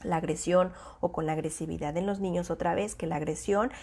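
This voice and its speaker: A woman child psychologist talks to parents in an easy, conversational way. Her voice sits a little low. She keeps building her explanations from everyday examples. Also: fairly even intonation, fairly quick, darkish tone, husky. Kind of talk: informal talk to parents.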